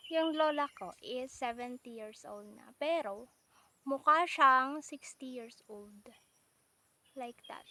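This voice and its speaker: A woman's voice: high voice, fairly bright tone, slight background noise. A young woman chatting playfully in a casual outdoor vlog by rice fields, joking and teasing as she talks. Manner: chatty, playful, mixes Tagalog and English. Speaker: vlogger.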